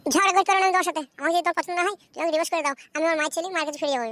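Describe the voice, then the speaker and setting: This is a woman voicing a cartoon character: a coy, stubborn young village wife from Bengal, sulky and defiant in mood. She talks in rapid-fire bursts at an extremely high pitch, coaxing one second and squabbling the next, with a fairly bright tone in a dry recording.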